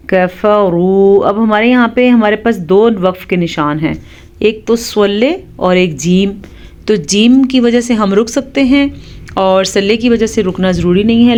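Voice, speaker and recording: A woman teaching Quran recitation rules, explaining each one calmly and reciting words slowly and drawn out. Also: medium pitch, muffled recording. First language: Urdu. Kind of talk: tajweed lesson with slow recitation.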